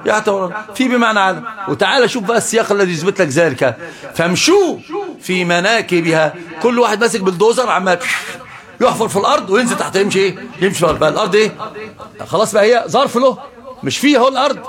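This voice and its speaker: A man's voice: sits high, animated, very fast, crowd noise. A man with an Egyptian Arabic accent giving a heated religious lecture, mocking opponents with rhetorical questions. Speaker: Islamic preacher.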